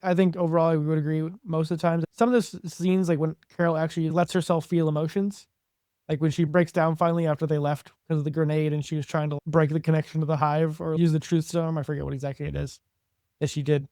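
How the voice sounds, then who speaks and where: A podcast co-host with a slightly high, mellow, level-toned voice chats casually at a fast pace. His talk is filler-heavy, with frequent use of "like." The audio is clean studio sound with no echo.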